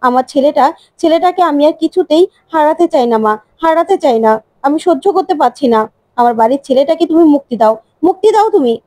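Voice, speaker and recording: A woman's voice: high voice, quick pace, mellow, dry recording, natural voice. A woman reading as a tearful pleading matriarch. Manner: pleading, emotional.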